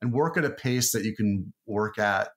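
A man with a lowish voice speaks at normal speed as a marketing guest, giving a rambling, casual podcast interview full of fillers and restarts.

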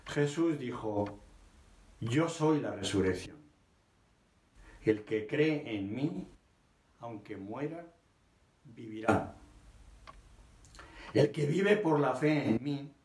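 Slow older man reading scripture. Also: medium pitch, roomy sound. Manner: slow, measured reading with emphatic rises. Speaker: scripture reader. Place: living room, seated on a sofa.

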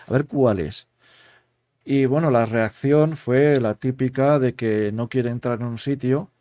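Man, paranormal show host, mellow dark voice, dry close sound. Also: medium pitch, no room sound. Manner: explains at length, admits playful mischief. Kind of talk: conversational storytelling.

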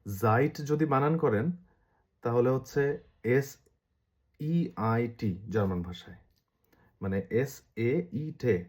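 A man with a Bangladeshi accent giving a casual lesson, repeating sounds slowly to demonstrate pronunciation. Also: medium pitch, animated, darkish tone. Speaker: language teacher.

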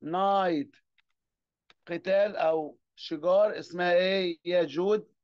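Egyptian male teacher, high voice, slow patient phonics drills, dull lo-fi audio. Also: steady tone, dry recording. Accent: Egyptian Arabic. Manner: patient, drills children word by word in Egyptian Arabic and English. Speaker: English teacher. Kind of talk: classroom phonics lesson.

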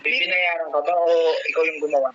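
Insistent bright-voiced male helper, muffled audio. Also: a little high, steady tone, fast talker, slight background noise. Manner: insistent, repeats demands. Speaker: healer's helper. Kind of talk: questioning a possessed person.

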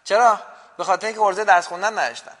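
A man's voice: sits high, a bit bright, big-room sound. A man hosting a call-in show, arguing and lecturing his caller in a heated debate. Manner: argumentative, lecturing.

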